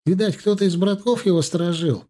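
A male narrator puts on an angry young skinhead shouting in a high, agitated voice, in an audiobook reading. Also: fairly quick.

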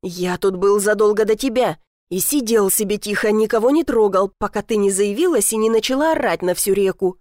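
A woman voicing a dry-witted police officer in his thirties in an audiobook, calm, mocking and unbothered. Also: medium pitch, fairly quick, no room sound, close to an everyday voice. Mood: defensive. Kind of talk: audiobook character voice.

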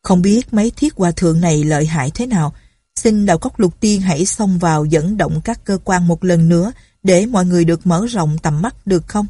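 A woman's voice: fairly low pitch, brisk, dark tone, slightly rough, no room sound, studio quality. A woman voicing a sly older male martial artist who needles others with mock politeness.

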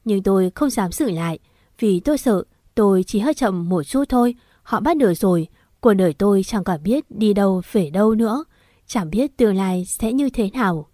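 A woman narrating a scripted first-person horror story in a steady, emotional storytelling manner. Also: medium pitch, moderate pace, no room sound, studio quality.

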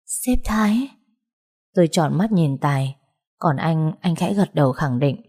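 A woman's voice: deep voice, moderate pace, warm tone. A woman reading a first-person story aloud, with emotive delivery that acts out the dialogue. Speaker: audiobook narrator.

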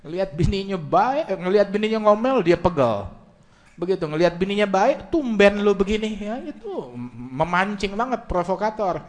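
A man's voice: high voice, big pitch swings, normal speed. A preacher speaks to a live audience in a slightly raised voice. His talk is colloquial and joking, told as a story more than a lecture. He holds the room with an easy, humorous delivery. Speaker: Islamic preacher. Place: religious gathering with live audience, filmed.

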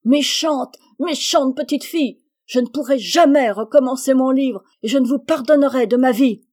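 A woman reading aloud, voicing a hot-tempered teenage girl who shouts and accuses in a storybook. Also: a little high, normal speed, pitched above the performer's own voice, close to an everyday voice. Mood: anguished fury.

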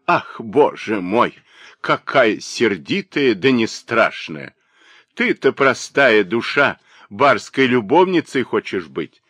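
A man voicing a spiteful, gossiping old spinster woman with a shrill, mocking manner in an audiobook. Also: sing-song, slow pace, a bit bright, breathy edge, no echo, heavily acted.

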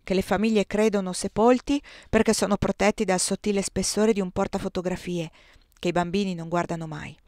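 A woman's voice: mid-range voice, steady tone, a little fast, darkish tone, dry recording, studio quality, natural voice. A woman reading aloud, voicing an earnest young man who speaks emphatically.

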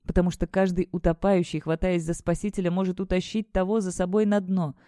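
The narrator voicing a devoted, protective man, tender and urgent, in a mellow, dry read. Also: mid-range voice, flat delivery, brisk, no room sound, lightly acted.

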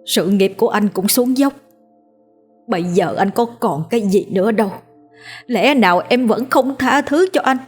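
A woman's voice: mid-range voice, normal speed, slightly rough, soft background music. A woman voicing an aging, guilt-ridden father who pleads and stammers. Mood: remorseful.

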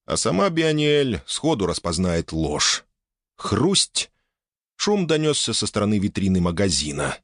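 Male audiobook narrator, low and animated, dry close mic. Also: normal speed, few pauses, no echo. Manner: expressive storytelling.

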